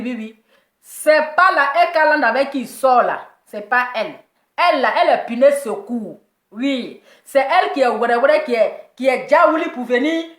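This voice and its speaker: A woman's voice: sits high, roomy sound. A woman giving mocking gossip commentary, teasing and laughing as she repeats her jabs. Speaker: commentator reacting to celebrity gossip.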